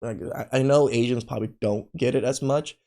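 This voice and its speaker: A man's voice: medium pitch, steady tone, brisk, mellow. Laughing male podcast co-host. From Long Beach, California. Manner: laughing, storytelling, emphatic. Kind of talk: casual chat.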